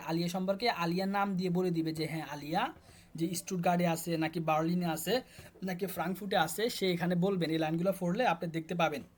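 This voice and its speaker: A man speaking Bengali with a Bangladeshi accent, teaching German. He walks students through textbook exercises and repeats words as he goes. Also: sits high. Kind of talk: casual explanatory lesson.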